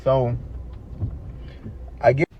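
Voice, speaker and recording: A man's voice: drawn-out words, slight background noise. A young man tells a personal story casually, acting out the quoted dialogue. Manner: loose, conversational retelling with quoted dialogue. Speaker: storyteller in a played clip. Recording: slightly dull lo-fi clip audio.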